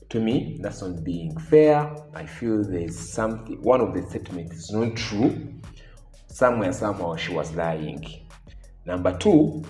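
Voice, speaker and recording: A man giving opinionated commentary to viewers, deliberate and repeating phrases for emphasis. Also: fairly low pitch, darkish tone. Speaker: reaction video commentator. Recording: echoey room with faint music.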